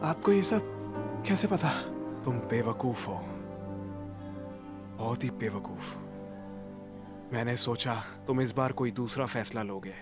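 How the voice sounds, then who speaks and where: A man's voice: medium pitch, expressive, takes it slowly, long pauses, over music. An actor dubbing a remorseful young man who took the blame for his friend, narrating with regret. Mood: tense. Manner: earnest, regretful. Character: remorseful young man back in high school. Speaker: lead character and narrator. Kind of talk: Hindi dub of a TV drama.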